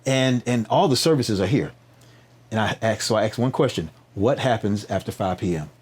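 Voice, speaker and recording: On a podcast, a nonprofit founder tells stories in an animated, conversational interview style: preacher-like emphatic repetition, rhetorical questions, and many check-in tags. His voice sits on the low side, animated at normal speed, a little mellow and slightly rough.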